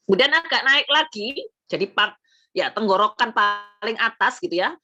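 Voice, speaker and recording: A middle-aged Indonesian woman teaches Quran recitation in a relaxed, conversational way. Her voice is bright and fairly high, and she explains patiently. She breaks off now and then to sound out syllables aloud. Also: a little slow. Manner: explains patiently, demonstrating letter sounds aloud with filler "gitu ya". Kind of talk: casual spoken lesson.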